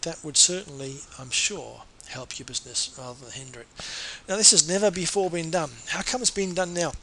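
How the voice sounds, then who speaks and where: A man, a marketing consultant, giving an earnest, persuasive sales pitch and now and then correcting himself mid-sentence. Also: brisk, pushed and bright, rough recording.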